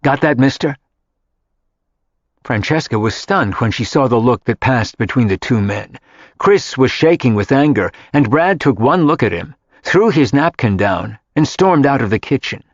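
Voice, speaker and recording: Male narrator, mid-pitched, steady audiobook read, dry lo-fi sound. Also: moderate pace, no echo. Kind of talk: scripted narration.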